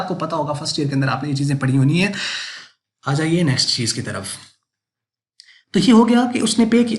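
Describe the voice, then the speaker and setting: Emphatic male accounting teacher, higher voice. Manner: asks rhetorical questions and answers them himself; emphatic, repetitive explaining. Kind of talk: recorded classroom lecture.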